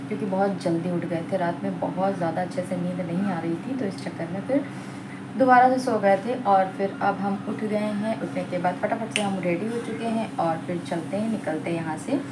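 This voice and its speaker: A woman's voice: medium pitch, a little fast, noisy background. A young woman narrating a casual home vlog, chatty and homely, talking straight to her viewers. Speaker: vlogger.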